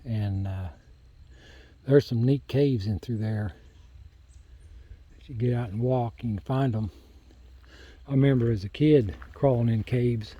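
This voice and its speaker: A man's voice: medium pitch, a little slow, pauses often, breathy edge, highs cut off. An older man chatting in a rambling, folksy way while walking a rural hillside, then reading scripture aloud, recorded on a handheld phone. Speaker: lay Bible teacher.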